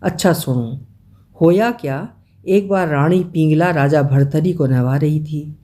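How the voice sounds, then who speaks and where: An old Jat villager, put on by the reader of a storybook, spins a folk tale in a slow, earthy Haryanvi accent. His voice is mellow and unhurried, blunt and knowing in manner. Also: on the high side, lightly acted. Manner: rustic dialect storytelling.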